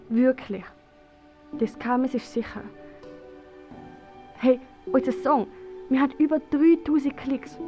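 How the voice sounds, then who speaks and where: Remorseful Swiss schoolgirl, pleading, very slow, slightly high, dull muffled recording with music. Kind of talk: radio play dialogue.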